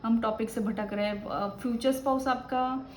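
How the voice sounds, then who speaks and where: A woman's voice: fairly high pitch, steady tone, normal speed, reverberant, slight background noise. Chatty woman giving a tarot reading. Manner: chatty and advising, often tagging "ठीक है ना". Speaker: tarot reader. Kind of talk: casual spoken tarot reading.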